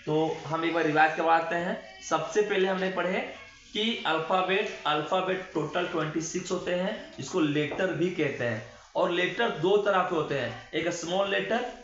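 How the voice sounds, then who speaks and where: Slow, high-voiced man teaching grammar in an echoey room. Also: fairly bright tone. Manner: repeats rhetorical questions and answers them himself; slow, drawn-out words when spelling. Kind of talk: classroom-style grammar lesson. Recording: echoey room, dull lo-fi sound.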